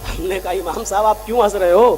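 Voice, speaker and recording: A man giving a sermon and telling a story, acting out both sides of a conversation and rising to shouts. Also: high voice, steady tone, fast, background noise. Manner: impassioned, acts out dialogues, rises to shouting. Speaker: preacher.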